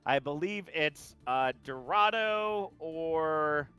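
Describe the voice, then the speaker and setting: A man's voice: fairly high pitch, lively intonation, slow pace, bright, forceful tone, clean tone, faint music behind, low-quality recording. Chatty male esports caster. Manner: chatty, hesitant fillers. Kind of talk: live play-by-play commentary.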